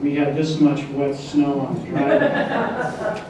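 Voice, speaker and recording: An older man giving a memorial tribute to his mother, speaking haltingly with pauses and fillers. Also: medium pitch, background noise. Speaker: son giving a eulogy. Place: large echoing hall. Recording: echoey lo-fi hall recording from far off.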